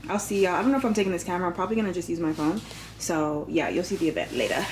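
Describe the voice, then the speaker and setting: A woman's voice: fairly low pitch, rapid-fire, slight background noise. A young adult woman talking casually to camera in a fashion vlog, chatty and slangy, speaking straight to her viewers. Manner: chatty, slangy and relaxed, addresses viewers directly. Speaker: fashion influencer.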